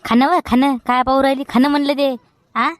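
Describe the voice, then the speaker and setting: A woman's voice: sits high, level tone, a little fast, no room sound, clean studio sound. A woman playing a bantering Vidarbha village lad. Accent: Vidarbha Marathi. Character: young village man Khandu, shy. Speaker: comedy actor. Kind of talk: rural comedy sketch acting.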